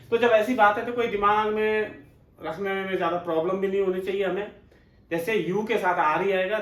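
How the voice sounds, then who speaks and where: Man, Indian English accent, grammar teacher, high voice, lecture in a roomy echoey space. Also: fairly bright tone. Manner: explains step by step, asks and answers his own questions. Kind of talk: classroom lecture.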